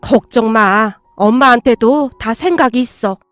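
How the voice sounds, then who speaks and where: A woman voicing a gentle, long-suffering middle-aged stepmother who speaks softly and soothingly, with slightly old-fashioned endings. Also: a little high, measured pace, dry recording, faint music behind. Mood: reassuring.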